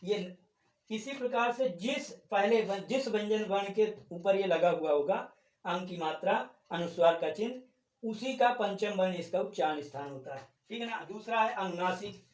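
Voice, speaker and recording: Here a high-voiced man at normal speed explains Hindi grammar one step at a time, repeating important terms and answering his own questions to the class. It sounds like a classroom lesson, captured from a distance in an echoey room.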